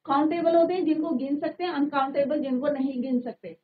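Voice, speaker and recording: A woman with a high, steady voice teaches a grammar lesson fairly quickly in a classroom studio, mixing Hindi and English and frequently asking the class to confirm they're following. The audio is narrow-band, like a phone.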